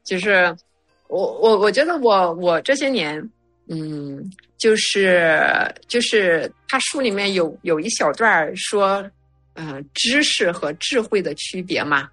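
A woman's voice: fairly low pitch, lively intonation, a bit bright, soft background music. Young woman, slightly lisping through braces. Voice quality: slight lisp, thick-tongued from dental braces. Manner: slow, halting delivery. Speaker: guest sharing study experience. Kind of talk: casual chat.

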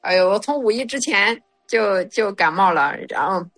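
A young woman chatting casually and haltingly, with a slight thick-tongued lisp from wearing dental braces. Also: mid-range voice, expressive, fairly bright tone, faint music behind. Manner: slow, halting delivery. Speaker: guest sharing study experience. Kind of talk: casual chat.

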